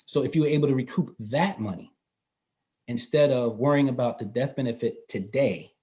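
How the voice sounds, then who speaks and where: In a casual interview in North Carolina, a man in his fifties explains financial ideas in an easygoing way. His warm voice sits at an ordinary middle pitch and moves at normal speed, and he laughs readily and sometimes restarts phrases.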